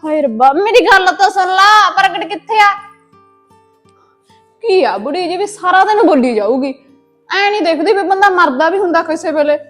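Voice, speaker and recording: A woman playing a young wife who whines and pleads and complains of aches, with a Punjabi accent. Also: high-pitched. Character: young woman craving drugs, begging her husband. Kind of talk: short-film drama acting.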